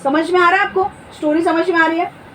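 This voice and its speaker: A woman teaching a Bible lesson. She keeps asking her listeners whether they understand and reads verses slowly and with emphasis. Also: very high-pitched, fairly even intonation, fairly bright tone. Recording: distant mic with faint background noise.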